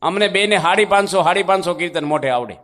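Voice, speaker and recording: A man's voice: high-pitched, fast, fairly bright tone. A man, a monk preacher, giving a devotional sermon in a folksy, conversational storytelling manner with rhetorical questions.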